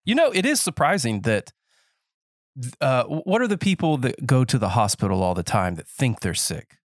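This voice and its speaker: A man's voice: mid-range voice, expressive, normal speed, dry recording, clean studio sound. Rambling congested man in his thirties. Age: 30s. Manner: rambling, self-interrupting, joking. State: congested, slightly nasal. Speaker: podcast host. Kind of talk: casual interview chat. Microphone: headphones and podcast mic.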